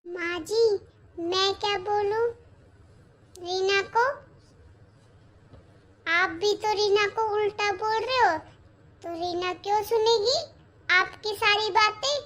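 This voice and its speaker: A woman voicing a quiet elder daughter-in-law in an animated family drama, mild and reasoning. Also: very high-pitched, slow pace, long pauses, pitched above the performer's own voice, full character voice.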